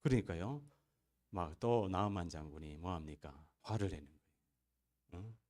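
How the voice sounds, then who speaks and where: A man's voice: low voice, expressive, moderate pace, darkish tone. A male pastor preaching a sermon in a church, emphatic, with rising bursts and rhetorical questions. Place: church sanctuary.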